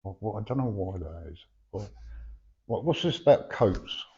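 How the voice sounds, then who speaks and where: Toothless bloke doing a psychic reading, mellow low voice, blunt n chatty, keeps checking in. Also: male voice, animated, normal speed. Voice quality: toothless, slightly slurred words. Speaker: spirit medium giving a reading. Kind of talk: live mediumship reading, conversational. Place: live event before a sitter. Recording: dull, lo-fi live recording.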